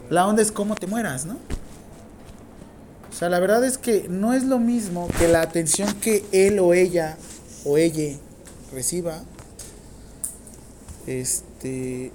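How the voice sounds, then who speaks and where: A woman's voice: lowish voice, dark tone, a little hiss or hum. Slangy Mexican woman lecturing a class. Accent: Mexican Spanish. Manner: casual, slangy, dictates slowly and questions the class. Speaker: nursing teacher.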